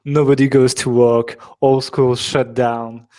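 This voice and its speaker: A man's voice: mid-range voice, level tone, takes it slowly, mellow. Chatty French-accented man hosting a webinar. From France. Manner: chatty, joking, many fillers. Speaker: webinar host. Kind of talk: casual live webinar chat.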